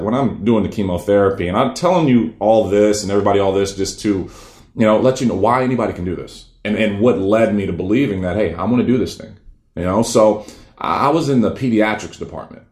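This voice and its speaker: Male, 30s, casual storyteller, earnest and rambling, lowish voice, roomy echo. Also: fast, a little mellow. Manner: rambling, many fillers and restarts, earnest. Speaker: cancer survivor telling his story. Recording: echoey room.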